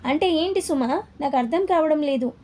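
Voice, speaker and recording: A woman's voice: high voice, normal speed, mellow, lightly acted. A woman voicing a stern older man who heads the family, in a scolding, disbelieving way. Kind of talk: storybook dialogue reading.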